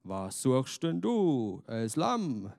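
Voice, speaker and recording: A man voicing a big, gloomy stranger who speaks slowly and grumbles in a storybook reading. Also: big pitch swings, creaky, a little mellow, exaggerated voice. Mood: gruff. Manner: deep, slow and grumbling.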